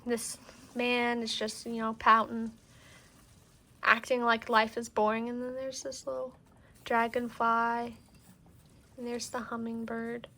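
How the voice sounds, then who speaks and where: A woman's voice: a little high, completely flat delivery, unhurried, long pauses, bright, forceful tone. A woman giving a casual, gushing, rambling show-and-tell to camera, talking in strong wind. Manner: gushing, rambling with many 'like' asides. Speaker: tarot deck collector showing cards to camera. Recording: windy outdoor-like background noise. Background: wind noise.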